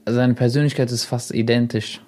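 A man's voice: mid-range voice, moderate pace. A young man, a YouTuber guest on a radio show, telling stories casually and acting out the quoted dialogue. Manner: animated, acts out quoted dialogue. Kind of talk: casual storytelling.

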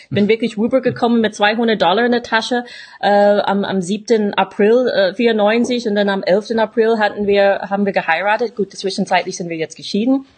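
A middle-aged American woman, a native English speaker, telling personal stories in an interview in German with an American accent and halting, slightly unidiomatic phrasing. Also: mid-range voice. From USA. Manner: halting non-native phrasing with grammatical slips. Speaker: interview guest, radio show host. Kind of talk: casual personal storytelling in an interview.

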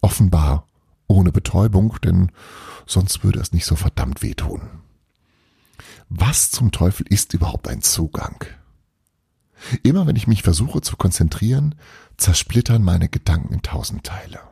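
Husky man with a dark, low voice, reading a first-person novel softly, close and dry. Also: lively intonation, a little slow, long pauses, no room sound. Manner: hushed, often half-whispered reading. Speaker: audiobook reader.

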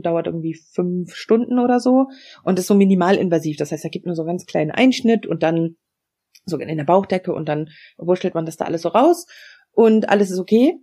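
A woman's voice: lowish voice, dark tone. A woman in her forties telling her own story in a podcast interview, explaining frankly and matter-of-factly with many fillers. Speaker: interview guest.

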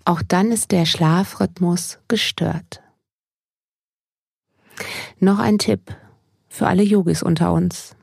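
A woman podcast host and mindfulness coach speaking as a gentle sleep meditation narrator, addressing the listener directly in a mellow, slightly husky, creaky voice. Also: on the low side, fairly even intonation, slow, pauses often, dry recording, studio quality.

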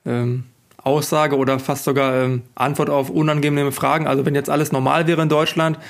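A man interviewing a guest in casual conversation, asking measured, probing questions with small hesitations. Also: fairly high pitch, little pitch movement, creaky.

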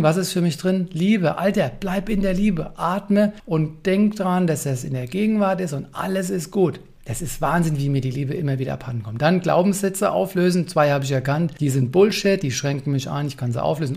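A man's voice: on the high side, a little mellow. A man in his forties hosting a solo podcast, talking candidly and mocking himself, with the odd swear word. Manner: fast, candid, self-mocking with swear words. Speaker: podcast host.

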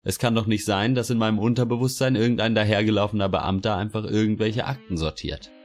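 A man's voice: lowish voice, steady tone, quick pace, lightly acted. A man voicing a blunt, irritated young woman.

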